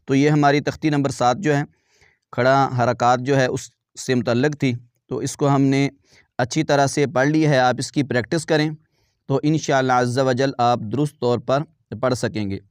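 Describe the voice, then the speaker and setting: A man with a Pakistani Urdu accent teaching Quran reading to beginners, drilling letter sounds slowly and adding quick explanations. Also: medium pitch, fairly even intonation, smooth, dry recording, clean studio sound. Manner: slow drawn-out syllable drills, brisk asides explaining pronunciation. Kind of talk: slow recitation lesson with explanations.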